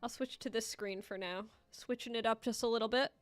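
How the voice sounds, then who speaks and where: Clear, high-voiced woman chatting on a livestream. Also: fairly even intonation, a little fast, no echo, soft background music. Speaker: livestream host and Etch A Sketch artist. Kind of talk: casual livestream chat and running commentary to viewers.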